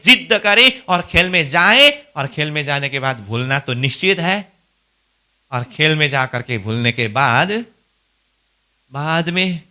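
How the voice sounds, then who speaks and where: Leading a leisurely devotional scripture class, this male spiritual instructor has a high, sharp, very bright voice. His delivery stays smooth and crisp as he raises questions about every verse and then supplies the answers.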